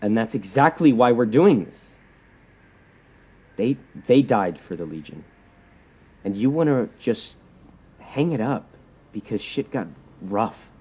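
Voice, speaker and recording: A male actor pleads as a persuasive, self-righteous young superhero leader in an audio drama, speaking slowly with long pauses. His medium-pitched voice is warm and husky with lively intonation, and he insists earnestly, repeating words for emphasis.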